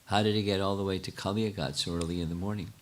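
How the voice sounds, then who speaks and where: Low-voiced older man teaching. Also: steady tone, a little hiss or hum. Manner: halting, many restarts, thinks aloud. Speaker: spiritual teacher answering questions. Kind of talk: lecture Q&A.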